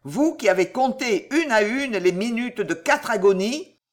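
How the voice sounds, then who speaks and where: A man's voice: sits high, unhurried, full character voice. A man doing a cold accusing magistrate. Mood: contemptuous. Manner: calm, cutting, accusing. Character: cold stern magistrate husband.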